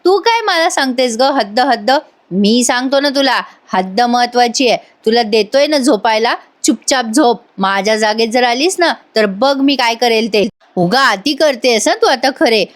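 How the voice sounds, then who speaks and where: A woman's voice: a little high, expressive, normal speed, natural voice. A woman voicing a bossy, sleepy young husband who grumbles and teases his wife in a retold serial scene. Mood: grumbling.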